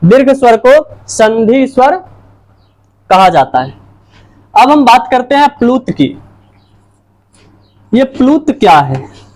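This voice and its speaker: Slow, deliberate woman teaching a lesson. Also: fairly high pitch, very animated, darkish tone. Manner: asks questions and answers them herself, repeating key points. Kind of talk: classroom-style lecture.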